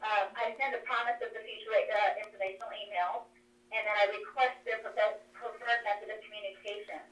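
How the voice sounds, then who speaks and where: A woman's voice: mid-range voice, little pitch movement, a little fast, fairly bright tone. A woman coach calling in by phone and explaining her methods step by step, her voice echoing like she is in a cave. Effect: cave-like echo over a phone line. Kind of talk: presentation on a conference call. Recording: echoey distant phone line.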